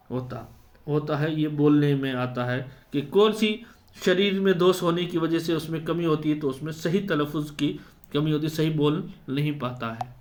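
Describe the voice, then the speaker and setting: A man giving an exam-prep lecture, who explains step by step and answers his own questions. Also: on the high side. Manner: slows down to spell out letter sounds. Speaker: teacher.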